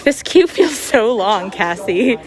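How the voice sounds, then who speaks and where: Female vlogger, slightly high voice, casual chatty walk-along delivery aimed at viewers. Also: big pitch swings, takes it slowly. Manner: chatty, amazed, addresses viewers as guys. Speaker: vlogger and podcast host. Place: outdoors in a theme park queue.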